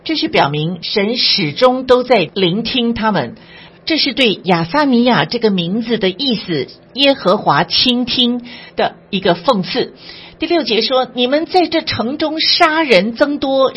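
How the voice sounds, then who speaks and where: A woman's voice: medium pitch, fairly bright tone, husky. A woman giving devotional Bible commentary, reading verses aloud and then explaining them with small asides. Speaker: Bible teacher. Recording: dull lo-fi recording.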